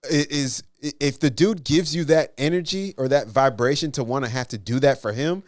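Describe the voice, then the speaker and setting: A man's voice: mid-range voice, moderate pace. A man hosting a podcast, laid-back and emphatic, often repeating his point. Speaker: podcast host. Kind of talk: casual podcast banter.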